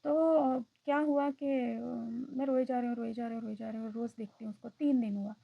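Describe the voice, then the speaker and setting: A woman's voice: on the high side, steady tone, brisk, creaky, phone-quality sound. A woman vlogger telling a personal story in a reflective, hesitant way, often slipping into English phrases.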